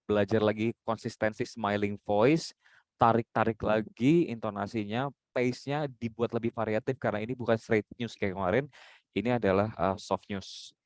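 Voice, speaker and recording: A man's voice: on the low side, steady tone, normal speed, dry recording. A man mentoring journalism students, giving direct, instructive feedback and demonstrating intonation himself. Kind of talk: coaching critique.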